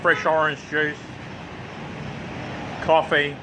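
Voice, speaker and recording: He's a New Zealander with a New Zealand and Australian accent, walking viewers through a restaurant as a casual travel vlogger and repeating things for emphasis. The setting is an outdoor riverside cafe by traffic, and the background is noisy. His voice is on the high side, completely flat, with drawn-out words.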